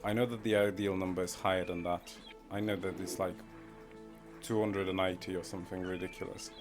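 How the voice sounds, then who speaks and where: A man's voice: low voice, flat delivery, fairly quick. A man casually commenting as he plays a game on a live stream, rambling and muttering to himself and chuckling at his own wordplay. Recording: background music under the voice.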